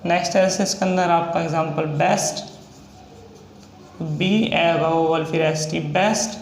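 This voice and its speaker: A man with a Hindi accent, a shorthand teacher, explaining a lesson and slowly spelling out example words one by one. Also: fairly high pitch, steady tone. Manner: slow, repetitive, drawn-out spelling of example words. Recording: echoey room with faint noise.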